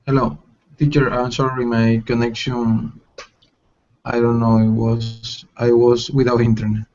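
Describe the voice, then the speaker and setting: A man's voice: mid-range voice, flat delivery, unhurried, a little mellow. Man on a bad video-call connection. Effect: bad internet connection on a video call. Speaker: language student. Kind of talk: online class conversation. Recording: muffled lo-fi call audio.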